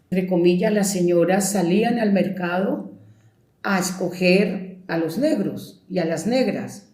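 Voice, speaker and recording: A woman's voice: medium pitch, dark tone. A Colombian woman storyteller talking reflectively and emphatically, stretching out key words. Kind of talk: reflective spoken talk. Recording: echoey room.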